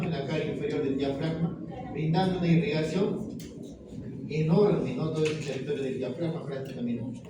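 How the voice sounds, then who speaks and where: A man's voice: on the high side, background noise. A man teaching an anatomy class, firing questions at students and confirming their answers with "correct, very good". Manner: asks quick questions and confirms answers with "correcto, muy bien". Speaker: anatomy lecturer. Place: lecture room with students. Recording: very echoey room, distant mic, students audible. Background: students murmuring answers.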